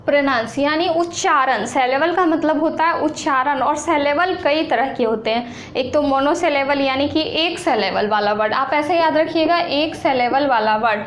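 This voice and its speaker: A woman teaching an exam-prep lesson, explaining slowly and repeating points, asking questions and answering them herself. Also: high-pitched, a bit bright. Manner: slow, repetitive explaining with questions to students. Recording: echoey room with faint noise.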